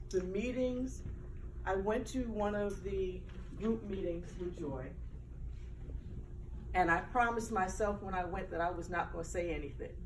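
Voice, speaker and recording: Woman talking earnestly, close to tears, mic far away, noisy room. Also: medium pitch. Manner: earnest, holding back tears. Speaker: audience speaker. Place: book launch event room. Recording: distant mic with clear background noise.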